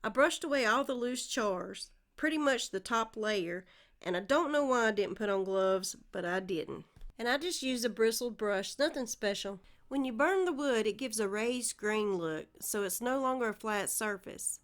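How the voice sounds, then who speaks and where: This is a friendly, step-by-step voice-over from a DIY channel host with a Southern American accent, explaining a home project. She talks at a moderate pace in a fairly high, expressive voice.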